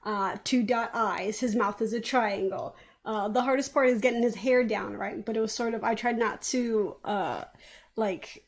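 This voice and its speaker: A woman in her thirties, the artist and co-creator, chatting casually on a stream in a rambling, relaxed way with fillers. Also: fairly high pitch.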